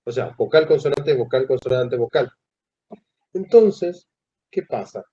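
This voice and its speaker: A male teacher giving a classroom lecture, who asks the students questions and pauses mid-phrase. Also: mid-range voice, lively intonation, warm tone, slightly rough. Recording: dull lo-fi classroom recording.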